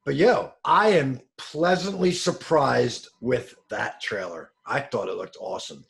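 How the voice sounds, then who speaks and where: A man's voice: mid-range voice, unhurried, vocal fry. A man co-hosting a casual podcast chat about movie trailers, emphatic and swearing freely. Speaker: podcast co-host.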